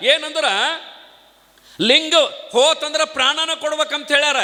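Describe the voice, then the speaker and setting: A man's voice: extremely high pitch, flat delivery, moderate pace, pushed and bright, long reverb tail, voice pushed up, exaggerated voice. A man voicing an anxious, devoted young disciple who pleads with his guru. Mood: pleading.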